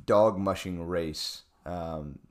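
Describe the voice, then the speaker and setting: A young man telling a travel story in casual chat, animated, with many fillers and restarts. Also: low-pitched, extremely slow.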